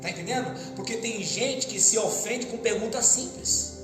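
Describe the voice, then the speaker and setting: A Brazilian man preaching a lively sermon as pastor, calling for responses from the congregation and acting out voices. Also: high-pitched, normal speed. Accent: Brazilian Portuguese. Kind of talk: Pentecostal sermon. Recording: echoey hall with music behind.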